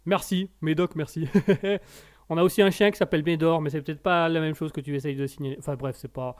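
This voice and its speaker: A man's voice: a little high, steady tone, fairly quick. A man hosting a live radio call-in show in a playful, joking way, often hesitating and restarting. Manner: playful, jokes with his own made-up characters; hesitant, with many fillers and restarts. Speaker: radio host. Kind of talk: casual live call-in chat.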